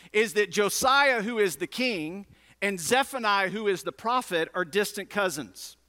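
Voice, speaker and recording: A pastor with a high, sharp-toned voice preaches a teaching sermon to a congregation in a large indoor room, and the recording carries that room's reverberation. His style is conversational, with emphatic repetition and rhetorical questions.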